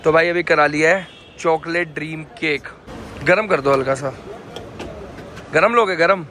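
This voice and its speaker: A man films a casual vlog outdoors on a handheld camera, with a slightly high voice. He teases and jokes with the person beside him in easy banter. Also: unhurried, bright, forceful tone, a little hiss or hum. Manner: teasing, joking banter. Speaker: vlogger.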